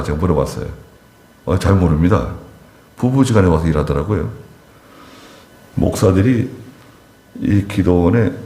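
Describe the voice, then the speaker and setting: Deep-voiced preaching man, echoey hall. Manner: animated storytelling, voice rising sharply for emphasis and falling low for asides. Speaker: pastor. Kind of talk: Wednesday service sermon. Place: church sanctuary.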